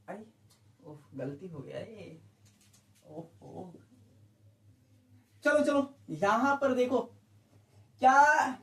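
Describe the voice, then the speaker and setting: A male biology teacher giving an exam-prep lecture, who keeps asking rhetorical questions, repeats key terms and checks that students follow. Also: very high-pitched. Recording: echoey room, speaker far from the mic.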